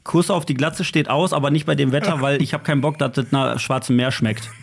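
A man's voice: fairly high pitch, steady tone, vocal fry, slight background noise. A man, co-hosting a local podcast in teasing, joking banter. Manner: teasing, drawn-out joking delivery. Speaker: podcast co-host.

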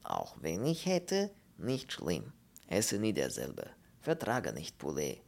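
A man voicing a bearded Polish émigré who speaks slow, broken German with a Polish accent. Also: sits low, wildly swooping pitch, gravelly, pitched below the performer's own voice, exaggerated voice. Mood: stubborn. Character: impoverished Polish male émigré, bearded, smug.

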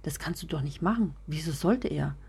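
A woman voicing a stressed, exasperated young female office worker in a read-aloud story, in a low, husky voice. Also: expressive, normal speed, darkish tone, full character voice. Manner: tense, exasperated.

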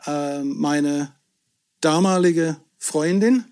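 A man's voice: on the high side, drawn-out words, darkish tone. A middle-aged man from southwest England, whose first language is English, chatting as a podcast guest and telling stories with self-deprecating humour. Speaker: podcast guest, whisky entrepreneur. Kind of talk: casual chat.

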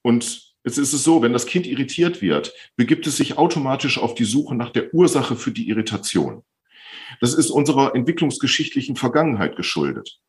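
A man who works as a speech therapist, calmly and patiently explaining as a podcast guest, often repeating phrases to stress them. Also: medium pitch, a little fast. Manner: calm, patient explaining with frequent repetitions.

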